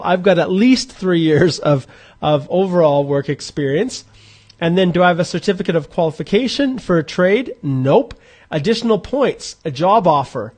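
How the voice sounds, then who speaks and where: A man in his forties, an immigration advisor, hosts a live online Q&A and walks viewers through a calculator step by step. His voice is fairly high for a man, and his delivery is informal and conversational, with restarts as he thinks aloud.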